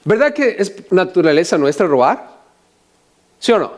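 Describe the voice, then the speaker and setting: A man's voice: high voice, sing-song, normal speed. An older male pastor preaching a sermon, often asking the congregation questions and adding joking asides.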